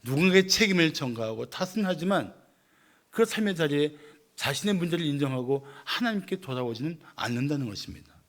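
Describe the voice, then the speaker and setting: Korean pastor preaching, slightly high voice. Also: male voice, lively intonation, a little fast. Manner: earnest preaching with rhetorical questions to the congregation. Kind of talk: sermon.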